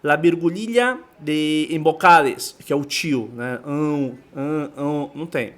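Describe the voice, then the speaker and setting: A man's voice: on the high side, a little slow, fairly bright tone. A man with a Brazilian Portuguese accent, a native Portuguese speaker, teaching a Spanish lesson, reading from a textbook and explaining it while switching between the two languages. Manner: mixes languages, reads aloud then explains.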